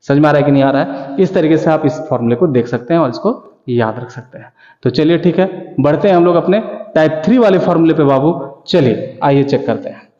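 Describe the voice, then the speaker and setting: Coaxing teacher in an echoey room. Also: male voice, a little high, brisk, warm tone. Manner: colloquial and coaxing, keeps asking "okay?"; explains with homely stories, calls students "babu". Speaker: maths teacher. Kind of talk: chatty classroom lesson. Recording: echoey room with long reverb, dull lo-fi sound.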